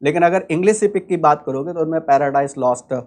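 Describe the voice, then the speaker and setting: A man's voice: fairly high pitch, fast, darkish tone. A man with an Indian accent teaching English vocabulary in an online exam-prep lecture, explaining step by step and asking the class rhetorical questions.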